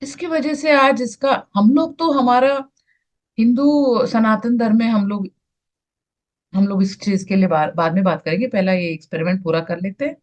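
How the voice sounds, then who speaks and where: An Indian woman, a spiritual teacher, explaining to an online group, slow and searching for words as she shares her screen. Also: on the high side.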